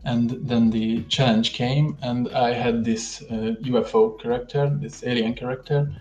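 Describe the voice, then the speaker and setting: A young man from Hungary with a Hungarian accent, a guest speaking over a headset on a video call, pausing often and filling gaps with "uh". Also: mid-range voice, fairly even intonation, a little mellow, roomy sound, highs cut off, soft background music. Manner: hesitant, many pauses and fillers. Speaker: guest 3D artist. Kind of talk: livestream video call interview.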